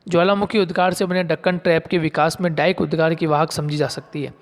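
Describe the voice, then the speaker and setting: A man's voice: fairly high pitch, steady tone, fast talker, in a large hall. A man giving a geography lesson, explaining step by step and repeating key terms, asking his viewers questions and answering them himself. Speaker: geography teacher. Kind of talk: classroom lecture.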